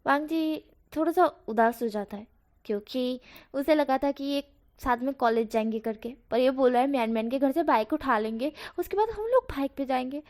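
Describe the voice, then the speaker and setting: A woman with a high voice narrates a fan fiction story. She tells it casually and conversationally, correcting herself as she goes. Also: normal speed, a little mellow.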